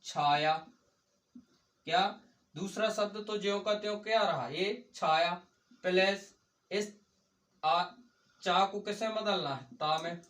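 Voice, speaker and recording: A man's voice: high-pitched, slow pace, pauses often, a bit bright, far from the mic. A man teaching a grammar lesson. He keeps asking his students short questions, answers them himself, and repeats each point. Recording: echoey room.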